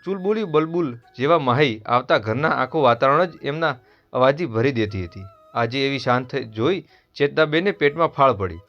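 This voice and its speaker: A man with a Gujarati accent narrating a family story in a steady, earnest scripted read. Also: medium pitch, moderate pace. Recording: dull lo-fi voice over soft music.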